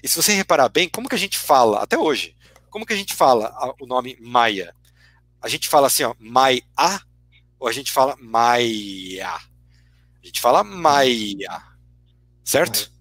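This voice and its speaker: A man's voice: medium pitch, big pitch swings, normal speed, fairly bright tone, slightly rough, no room sound. A man with a Brazilian Portuguese accent, a guest lecturer giving a teacherly explanation, tagging his sentences with constant "né" questions. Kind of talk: explanatory academic talk.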